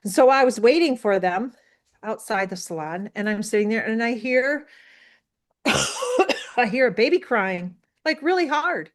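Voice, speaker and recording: A woman in her sixties from the United States, telling a story as an interview guest in an animated, rambling way with many fillers. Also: a little high, measured pace. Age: 60s. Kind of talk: casual storytelling.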